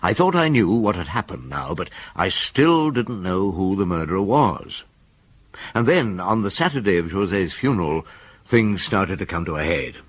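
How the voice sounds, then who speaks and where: Shrewd police inspector, swooping pitch, husky. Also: male voice, big pitch swings, moderate pace, full character voice. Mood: reflective narrating. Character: shrewd, dogged middle-aged male police inspector, dryly courteous. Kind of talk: radio drama acting.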